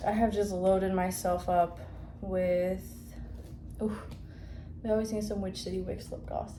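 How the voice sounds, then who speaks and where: In a mellow, flat voice at medium pitch and a slightly slow pace, the shop-owning vlogger talks casually about her shop, filling the chat with fillers and self-corrections. She's indoors upstairs at home, on a phone or camera mic, in an echoey room with faint noise.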